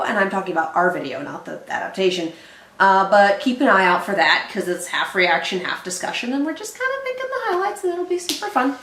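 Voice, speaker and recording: A chatty woman talks casually as co-host of a reaction show, mid-pitched and thinking out loud. Her voice rings in an echoey room. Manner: chatty, thinks aloud, quick asides. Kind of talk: casual chat.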